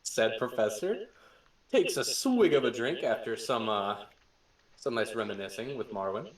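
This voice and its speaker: A man's voice: medium pitch, normal speed, recorded from a distance. A young man hosts a casual podcast and tells tabletop game stories, his voice swinging up and down as he laughs and swears through them. The room sounds echoey, and he sits well back from the mic. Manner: laughing, swearing, excitable storytelling. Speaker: podcast host and game master. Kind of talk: casual chat.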